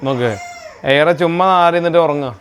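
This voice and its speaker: A woman's voice: low voice, a little fast, noisy background. Chatty woman vlogging her home cooking. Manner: chatty, mixes English into Malayalam. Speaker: family vlogger and home cook. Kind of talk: casual vlog chat and cooking narration. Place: home kitchen and dining area.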